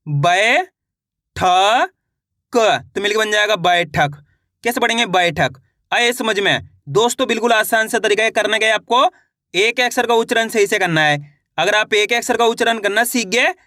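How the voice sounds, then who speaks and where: A man teaching Hindi reading in an online lesson, spelling out syllables slowly and asking rhetorical questions. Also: sits high, bright, forceful tone, no echo, studio quality.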